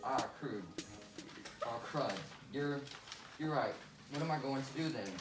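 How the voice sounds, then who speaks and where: A man's voice: medium pitch, measured pace, over loud music, natural voice. A man playing a hot-headed, boastful Southern congressman in a class skit, with a blustering, exaggerated delivery. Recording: echoey room, distant mic, noisy.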